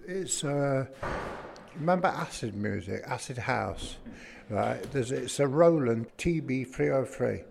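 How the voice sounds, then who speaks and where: A man with a gravelly, creaky voice rambles casually, restarting his sentences as he goes. The recording is noisy, with clear sound all around him. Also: mid-range voice, lively intonation, measured pace, a little mellow. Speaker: patient and former DJ. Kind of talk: casual conversation.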